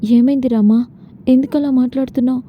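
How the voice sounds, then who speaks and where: A woman's voice: sits high, steady tone, fairly quick, natural voice. A woman voicing a caring, anxious young woman who questions her friend. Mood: worried. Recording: dull lo-fi with faint noise.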